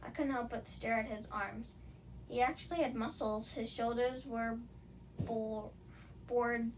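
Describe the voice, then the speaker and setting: A woman's voice: on the high side, fairly even intonation, measured pace, a little hiss or hum, poor audio. A woman narrating a first-person fan fiction story in a casual reading style, with small slips along the way.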